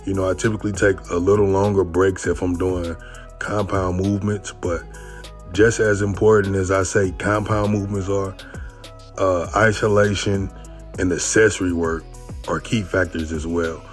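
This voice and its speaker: A man narrating his own workout footage as a casual instructional voice-over, talking in a relaxed, conversational way and often adding "you know what I mean". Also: sits low, normal speed, soft background music.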